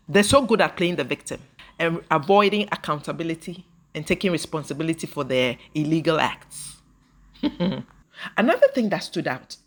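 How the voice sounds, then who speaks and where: Exasperated woman commentator with a low voice. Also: fairly bright tone. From Ghana. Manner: exasperated, laughs scornfully between remarks. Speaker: commentary channel host. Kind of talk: reaction commentary.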